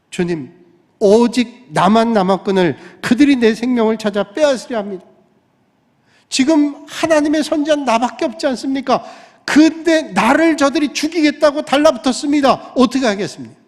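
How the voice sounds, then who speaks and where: A man's voice: high-pitched, darkish tone. A man preaching a sermon as pastor, earnest, sometimes voicing the words of scripture figures. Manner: earnest preaching, voicing God and Elijah in quotes. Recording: long reverb of a church hall.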